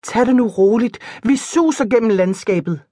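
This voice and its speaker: A woman reading an audiobook, voicing a flustered, excitable young woman. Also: a little high, no room sound, clean studio sound, lightly acted. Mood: excited.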